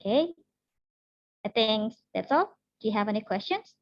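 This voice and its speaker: A woman's voice: a little high, animated, unhurried, no room sound. A young Indonesian woman teaching an English class, friendly and mixing English with Indonesian. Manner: friendly, mixes English with Indonesian, laughs often. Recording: dull, dry lo-fi sound.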